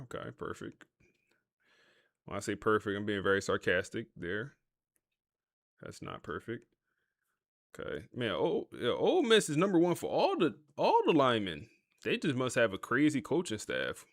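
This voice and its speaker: Talking to his viewers while gaming, the man keeps things laid-back and talkative, his fairly low voice swinging widely in pitch at a moderate pace. The audio is clean studio sound with no room echo.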